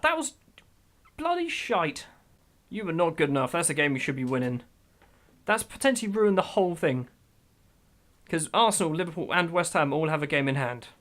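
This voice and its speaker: A man giving let's-play commentary over a football management game, excitable, swinging from grumbling to loud outbursts. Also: on the high side. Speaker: gaming YouTuber.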